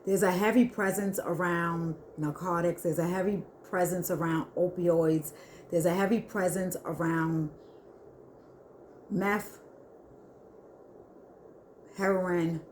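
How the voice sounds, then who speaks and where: A woman giving an earnest spiritual reading to her viewers, talking haltingly with many restarts. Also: fairly low pitch, steady tone, a little hiss or hum. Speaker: spiritual reader. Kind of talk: intuitive spiritual reading to camera.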